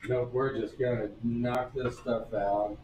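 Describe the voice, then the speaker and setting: A man's voice: medium pitch, little pitch movement, takes it slowly, mellow, roomy sound, slight background noise, low-quality recording. A man teaching blacksmithing on a live stream, explaining each step in a folksy, casual way. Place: forge workshop.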